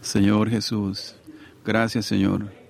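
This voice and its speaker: A man's voice: fairly low pitch, level tone, takes it slowly, vocal fry. A middle-aged man preaching a sermon to a congregation in a conversational way, often asking his listeners to agree.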